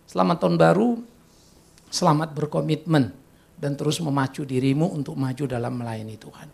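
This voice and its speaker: Gravelly-voiced pastor preaching. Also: male voice, on the high side, a little fast. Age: middle-aged. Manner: lively, joking, acts out quoted voices in Jakarta slang. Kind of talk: sermon to youth.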